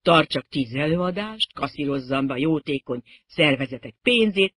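A reader voicing a flustered, pompous older male general who is quick to sound indignant and exasperated, with a husky tone. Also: medium pitch, animated, fairly bright tone. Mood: despairing.

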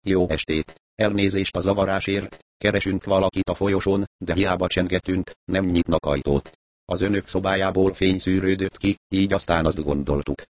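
A man's voice: sits low, steady tone, dry recording, close to an everyday voice. A man voicing a polite young man apologizing at a stranger's door. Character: polite young man faking a stronger accent.

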